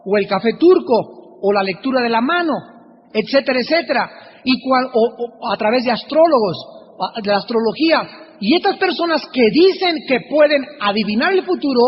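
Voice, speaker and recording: A man with a very high voice preaches a Bible lecture, stressing key phrases by repeating them and slowly sounding out Greek words. His voice rings with a long hall reverb. The recording is dull and lo-fi, with a faint hiss behind it. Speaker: preacher teaching a Bible study.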